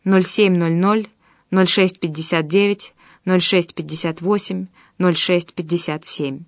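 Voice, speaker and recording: A woman narrating an audiobook in an even, measured reading. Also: fairly low pitch, dry recording, studio quality. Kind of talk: scripted narration.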